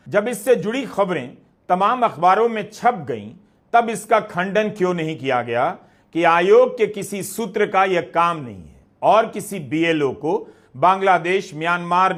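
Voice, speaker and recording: A man anchoring a news commentary, reading a scripted report in a measured, questioning way. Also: high-pitched, a bit bright.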